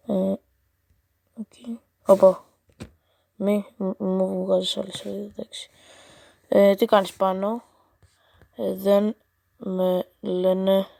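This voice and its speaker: A woman's voice: medium pitch, creaky, mellow, no echo. A female gaming channel host chatting casually and reading out a chatbot's replies, with playful, teasing, exasperated asides.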